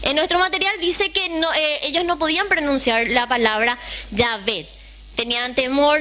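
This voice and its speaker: A woman's voice: high voice, pushed and bright, a little hiss or hum. A woman teaching a Bible lesson to a class, often putting questions to the room and checking that they follow. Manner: keeps asking the class questions, checks in with "right?".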